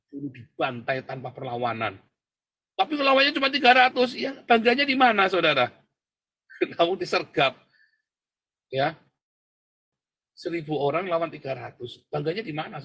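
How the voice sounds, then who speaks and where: Husky-voiced man preaching a mocking sermon. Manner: constantly addresses listeners as brothers; leaps between shouting and low murmurs. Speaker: pastor.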